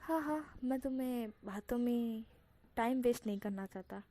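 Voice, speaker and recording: A woman's voice: fairly high pitch, moderate pace, dark tone, natural voice. A woman voicing a young man who is a teasing, affectionate lover in a fan fiction reading.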